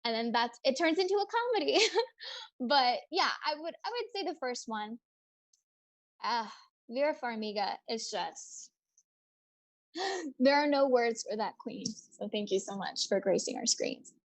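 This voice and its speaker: Young woman streaming from home, high voice, bubbly and chatty, reading out comments from the chat. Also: lively intonation, a little slow. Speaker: livestream host. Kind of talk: casual livestream chat.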